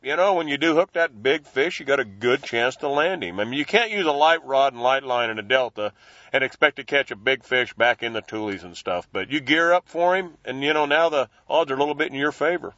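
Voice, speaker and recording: A man's voice: medium pitch, lively intonation, fairly quick, bright, forceful tone, dry recording, dull audio. A man speaking as an interview guest in casual, folksy, slangy language, explaining things informally. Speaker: professional angler, interview guest.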